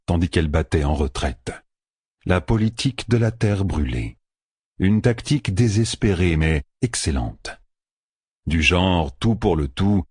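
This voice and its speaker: A man narrating a fantasy audiobook in an expressive storytelling way. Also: sits low, breathy edge, dry recording, clean studio sound. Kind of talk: scripted narration.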